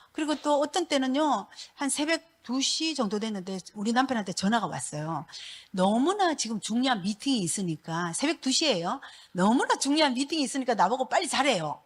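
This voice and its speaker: A middle-aged woman with a somewhat high voice, the wife of a pastor, shares a church testimony. She tells her story in a lively way, laughing as she goes.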